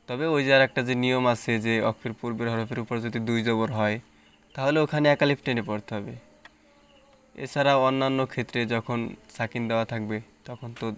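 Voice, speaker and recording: A man teaching Quran reading, spelling out letters and reciting words slowly between plain explanations. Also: medium pitch, a bit bright, smooth.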